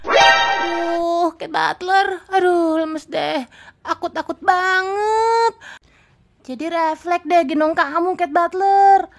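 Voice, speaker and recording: A woman's voice: very high voice, a little slow, few pauses, a little mellow, soft background music. A woman voicing Yuta, a jumpy big-brother boy, flustered and sheepish, in a game role-play voice-over.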